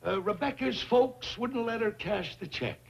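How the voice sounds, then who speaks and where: An actor playing an excitable, cajoling young schemer in an old TV sitcom. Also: male voice, high-pitched, unhurried, vocal fry, a crowd in the background. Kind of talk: 1960s TV sitcom acting. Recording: noisy old TV soundtrack with audience.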